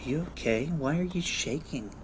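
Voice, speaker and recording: A woman's voice: sits low, expressive, normal speed, heavy background noise. A woman playing a worried, easily hurt companion in a suspense audio drama. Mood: concerned. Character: worried, hurt female companion of a paranoid man.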